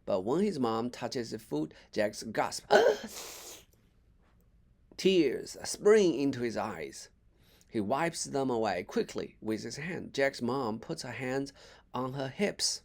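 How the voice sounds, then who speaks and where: A man reading a children's story aloud as an English teacher, expressive with small slips and asides. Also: medium pitch, slow, creaky.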